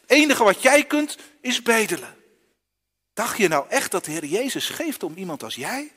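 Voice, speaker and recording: A man voicing a scornful crowd that sneers at a blind beggar and tells him to be quiet, in a hall with a long echo. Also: sits high, sing-song, moderate pace, husky, voice pushed up, full character voice. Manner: sneering, contemptuous.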